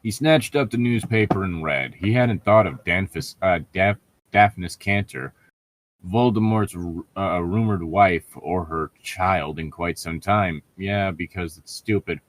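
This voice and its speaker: On a fan fiction riffing show, a man co-reads a story aloud in a casual, mocking way, swearing, tripping over words and tossing in sarcastic asides. His voice is deep and his delivery a little slow.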